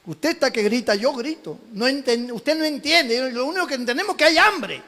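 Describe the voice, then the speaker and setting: A man's voice: very high voice, animated, fairly quick, pushed and bright, big-room sound. A man from Peru, a pastor preaching a sermon fervently, telling homely stories and calling out to the congregation.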